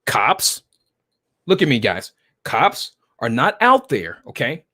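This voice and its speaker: A man's voice: mid-range voice, huge pitch swings, takes it slowly, sharp tone. A man appearing as a guest commentator in a heated political discussion, lecturing point by point and checking in with "okay?" again and again.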